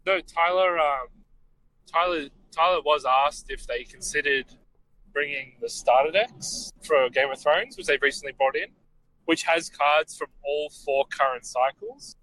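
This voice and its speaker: A man's voice: a little high, a little slow, bright, forceful tone, poor audio. A man in casual podcast chat, thoughtful and hesitant, with many ums.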